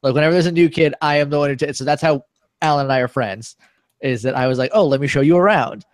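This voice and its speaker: A man playing in a tabletop game, joking and chatting quickly. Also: on the high side, fairly even intonation, smooth, no room sound, clean studio sound. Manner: jokey, fast, quick to laugh. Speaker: player. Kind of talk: casual chat at a tabletop game.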